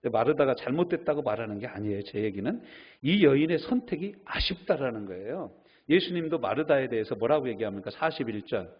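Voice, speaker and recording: A man's voice: medium pitch, expressive, fairly quick, husky, lo-fi sound. A middle-aged male pastor preaching a sermon, telling stories and acting out the voices of the people he quotes.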